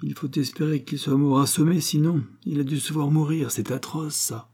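A man's voice: a little high, fairly even intonation, moderate pace, dark tone, slightly rough, pitched above the performer's own voice. A man voicing a worried, blunt male police partner who scolds his colleague, in an audiobook. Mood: grim.

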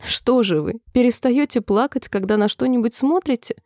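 Little girl of seven, polite and puzzled, played by a woman narrator; soft, mellow, lightly raised pitch. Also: moderate pace, no room sound, studio quality, lightly acted. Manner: polite, gently puzzled questions.

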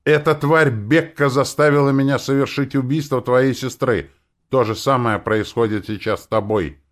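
A man voicing a frightened, desperate man who shouts and pleads. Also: mid-range voice, steady tone, moderate pace, voice pushed up, natural voice.

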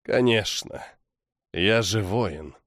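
A man voicing a dying male warrior who talks calmly and weakly in an audiobook. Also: mid-range voice, unhurried, no room sound, studio quality, lightly acted. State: weak, whispering. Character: dying male chaos warrior, calm and resigned.

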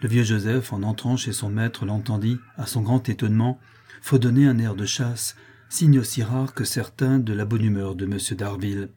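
Dark-voiced male audiobook narrator. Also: on the low side, fairly even intonation, normal speed, breathy edge. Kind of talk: scripted narration.

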